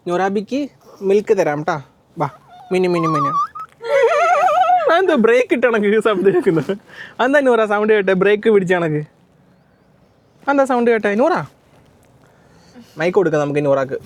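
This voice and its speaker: A Malayali man from Kerala telling a family story, casual, laughing, talking loud from a car. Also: high voice, expressive, normal speed, long pauses. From Kerala, India. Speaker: family vlogger. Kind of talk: casual vlog chat. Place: in a car on city roads.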